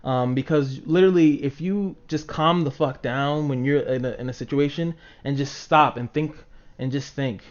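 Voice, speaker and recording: This man speaks at a moderate pace in a mid-range voice, hosting a livestream where he rambles loosely and profanely to viewers in chat, acting out his reactions. His recording is dull and lo-fi.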